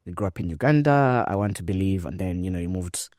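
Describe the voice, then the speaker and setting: A man from Rwanda hosting a podcast interview, talking in an emphatic, lively way with many fillers. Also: deep voice, quick pace, dry recording, studio quality. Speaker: podcast host. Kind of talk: conversational interview.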